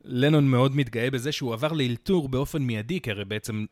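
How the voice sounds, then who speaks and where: A man's voice: medium pitch, dry recording, clean studio sound. A man co-hosting a podcast, telling the story in a casual, chatty way with many fillers and little asides. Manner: chatty, recounts events with many fillers and quips. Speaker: podcast co-host.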